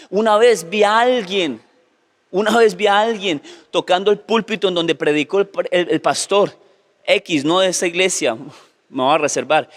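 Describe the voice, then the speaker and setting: Male pastor, high pitch, emphatic live sermon delivery, speaks straight to the congregation. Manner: emphatic, repeats "sí, señores", addresses congregation directly. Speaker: preacher.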